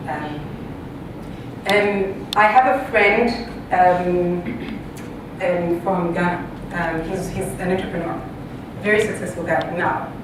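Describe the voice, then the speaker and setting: A university faculty member from Zambia and Botswana gives a live public talk as a guest speaker, speaking haltingly with frequent pauses and repeated words. The large room echoes, and the distant mic also picks up a noisy rumble.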